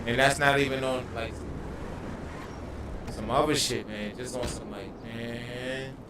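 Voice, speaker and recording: A man's voice: mid-range voice, noisy background. A man livestreaming a video game, telling stories in casual, profane slang. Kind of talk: casual gaming livestream chat. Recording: echoey room, distant mic.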